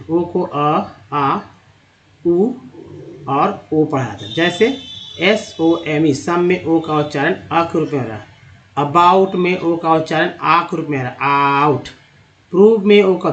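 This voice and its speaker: A man teaching a language lesson, slowly sounding out English words letter by letter and explaining vowel sounds to his viewers. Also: fairly high pitch, muffled recording. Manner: slow, drawn-out spelling and sounding out of words; explains with repeated patterns and direct address to viewers.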